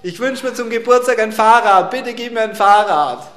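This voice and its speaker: A small boy calls out to God at the top of his voice, high-pitched and pleading, as a preacher puts him on. The boy is eager and loud in a storybook way. His voice rings with a roomy echo. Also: normal speed. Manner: high, shouting prayer. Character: small boy loudly begging God for a bike.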